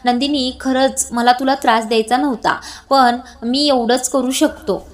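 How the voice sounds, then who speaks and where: A woman voicing an older uncle speaking slowly and apologetically. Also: high voice, steady tone, far from the mic. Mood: apologetic.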